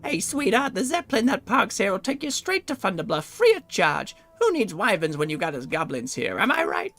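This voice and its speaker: A man's voice: high-pitched, huge pitch swings, a little fast, a bit bright, faint music behind, voice pushed up, heavily acted. A man voicing a cheeky, chummy goblin zeppelin hawker from a fantasy game, with brash salesman patter. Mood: cheeky, pitching.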